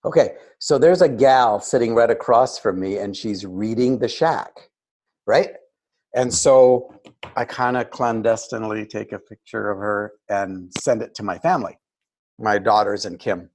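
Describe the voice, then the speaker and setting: A man's voice: on the low side, vocal fry, husky. An older man, a guest on a video call, telling a story casually and acting out the voices of people he quotes. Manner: animated, acts out quoted voices. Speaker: interview guest.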